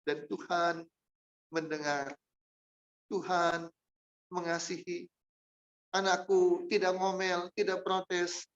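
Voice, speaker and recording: A male pastor preaching a sermon to his congregation, swinging between hushed, soft passages and loud, emphatic exclamations and asking the listeners direct rhetorical questions. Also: sits high, level tone, slow pace, long pauses, lo-fi sound. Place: church service.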